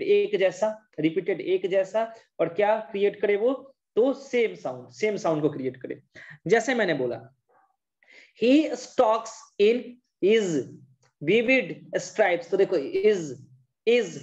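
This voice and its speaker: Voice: mid-range voice, warm tone, muffled recording. Teacher drilling a lesson. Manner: repetitive drilling, mixes Hindi and English. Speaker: English teacher. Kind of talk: online class lecture.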